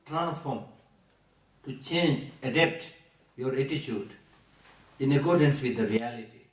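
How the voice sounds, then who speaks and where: A man with a Tibetan accent gives a Buddhist teaching to listeners in a deliberate, emphatic way, repeating key phrases and posing rhetorical questions. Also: medium pitch. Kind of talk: Buddhist teaching to a live audience. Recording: echoey room, recorded from a distance.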